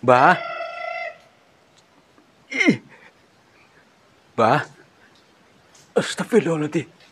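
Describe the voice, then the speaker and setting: A man on a cave exploration vlog, talking in a hushed, nervous way and muttering prayers. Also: fairly high pitch, huge pitch swings, extremely slow, husky.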